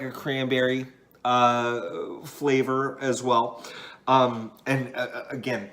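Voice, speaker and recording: A man hosting a wine vlog, tasting and reviewing wines in a relaxed, rambling way with frequent ums and uhs. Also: medium pitch.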